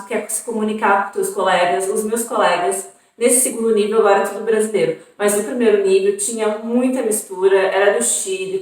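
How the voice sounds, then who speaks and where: A young Brazilian woman with a southern Brazilian accent, chatting casually as a vlogger and tossing in frequent tag questions and fillers. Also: on the high side. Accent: southern Brazilian Portuguese. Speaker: vlogger on an exchange program. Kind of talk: casual chat. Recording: very echoey room, far from mic.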